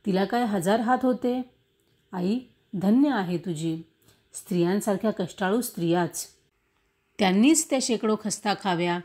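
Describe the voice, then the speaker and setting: A woman reading a classic story aloud, with measured, expressive storytelling. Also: medium pitch. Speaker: audiobook reader.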